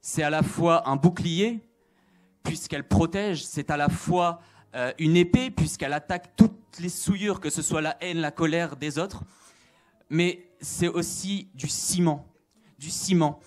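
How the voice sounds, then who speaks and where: A man's voice: fairly high pitch, measured pace, soft background music. A man giving an earnest religious testimony, repeating phrases and hesitating with fillers. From Italian. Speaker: testimony speaker.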